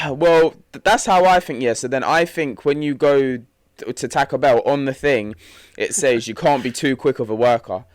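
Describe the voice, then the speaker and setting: A man's voice: mid-range voice, moderate pace, no echo, studio quality. A young man chatting casually on a podcast, using slang, laughing easily and trailing off mid-sentence. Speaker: podcast co-host. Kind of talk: casual chat.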